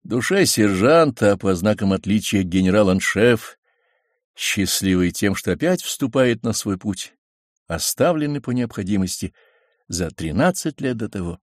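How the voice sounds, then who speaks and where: Male audiobook narrator, lowish voice, lively varied delivery, dry close studio sound. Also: no echo. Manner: measured, expressive reading.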